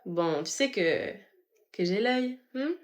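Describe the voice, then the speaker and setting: A woman acts out short comic scenes in loose street slang. She shifts between cheeky, playful lines and snide little jabs. Her voice sits at a middling pitch. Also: expressive, slow pace. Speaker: sketch comedian. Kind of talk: comic point-of-view sketches.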